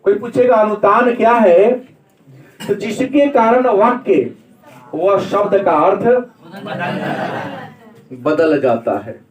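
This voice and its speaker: A high-voiced male teacher lectures a class on grammar, throwing out questions and answering them himself. He is recorded from across an echoey room. The sound is roomy and distant. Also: takes it slowly, long pauses. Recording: echoey room, mic far off.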